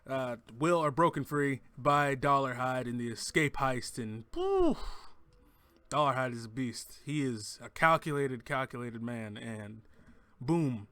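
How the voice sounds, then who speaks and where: A man's voice: medium pitch, big pitch swings, unhurried, a bit bright, clear, resonant tone, no echo. A man giving a casual, enthusiastic spoken review of a TV episode, rambling and often restarting his sentences. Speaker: TV show reviewer.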